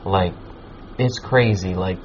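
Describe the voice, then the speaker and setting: A man with a fairly low voice talks like a laid-back stoner, rambling in loose slang and swearing freely. He hosts in a casual chatting style. The recording is a bit dull, with faint noise behind him. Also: slow pace. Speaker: podcast host. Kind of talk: casual chat, giving advice. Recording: muffled lo-fi with background noise.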